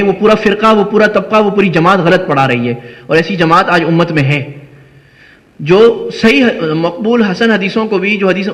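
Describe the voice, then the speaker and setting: A man's voice: high voice, fairly bright tone. A man with a Pakistani Urdu accent, an Islamic scholar giving a lecture who explains step by step and asks and answers his own questions. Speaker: Islamic scholar teaching hadith studies. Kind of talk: classroom lecture. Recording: long hall reverb.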